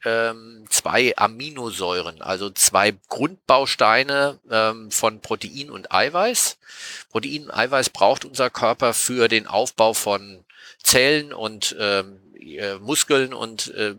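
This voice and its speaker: A man on a podcast explaining taste science in a patient, lecturing way, often pausing with hesitation sounds. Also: medium pitch, bright, forceful tone, no echo. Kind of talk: casual explanatory podcast talk.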